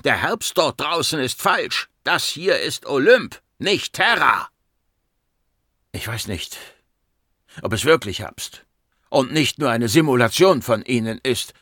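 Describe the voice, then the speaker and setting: A man's voice: medium pitch, measured pace, no room sound, studio quality, close to an everyday voice. A man voicing a grieving, irritable doctor in his forties, bitter and agitated, in an audiobook. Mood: anguished.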